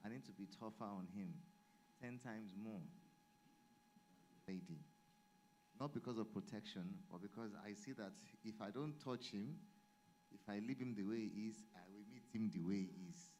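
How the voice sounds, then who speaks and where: A man's voice: on the low side, moderate pace, long pauses, a little mellow, a little hiss or hum, low-quality recording. A man speaking as a father at a church family program, giving firm, insistent advice. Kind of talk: contribution to a group discussion.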